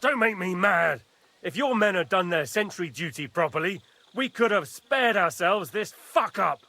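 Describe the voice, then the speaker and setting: An actor voicing a quick-tempered, commanding nobleman in a video game, curt and bossy. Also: high-pitched, expressive, pushed and bright, no room sound, heavily acted. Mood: irritated. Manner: curt, ordering others about.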